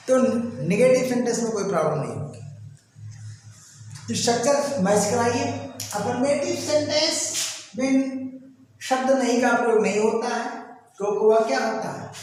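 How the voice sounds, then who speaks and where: Loud indian grammar teacher guy at a board, echoey room, mic far off. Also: very high-pitched. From North India. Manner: loud, emphatic, scolding asides. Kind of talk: board lesson in Hindi. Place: classroom with a board.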